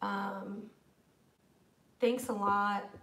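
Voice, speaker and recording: American woman, young, English teacher, live online lesson, unhurried, patient, encouraging. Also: medium pitch, little pitch movement, vocal fry, fairly bright tone. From United States. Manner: patient, encouraging, reads out student comments.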